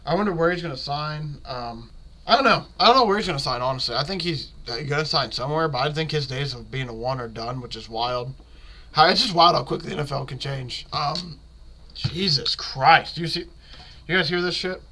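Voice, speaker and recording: A man's voice: on the high side, fairly quick, bright, forceful tone. A man hosting a casual solo sports podcast while sick, sounding stuffed up with a blocked nose and phlegmy throat, in a rambling, slangy way.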